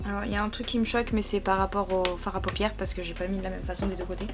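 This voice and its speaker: A woman's voice: mid-range voice, little pitch movement, very fast, loud music behind the voice. A young woman chatting casually in a beauty vlog, self-mocking and talking while she tries on makeup. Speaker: beauty vlogger. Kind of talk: casual makeup tutorial chat.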